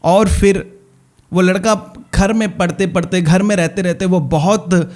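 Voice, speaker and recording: A man's voice: high-pitched, fairly even intonation, measured pace, darkish tone. Man preaching an earnest, repetitive sermon. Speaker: pastor.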